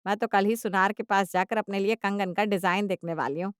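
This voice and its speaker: A woman voicing a greedy, scheming older mother-in-law who coaxes sweetly and then bursts out loud, recorded dry. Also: mid-range voice, steady tone, a little fast, clear, resonant tone, dry recording, lightly acted. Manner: sugary coaxing, with sudden loud outbursts.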